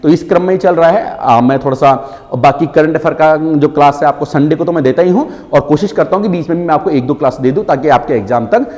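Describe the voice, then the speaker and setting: A man teaching an online exam-prep class, answering students' doubts in an explanatory way and often checking that the point is clear. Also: fairly high pitch, fast, darkish tone, in a large hall. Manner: explanatory, repeats "ठीक है" often.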